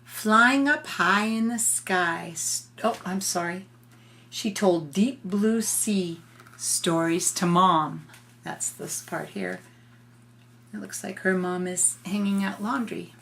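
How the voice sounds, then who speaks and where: Here a grandmother slowly reads a picture book aloud for a child, her creaky, mid-range voice gentle and explanatory, with informal remarks along the way.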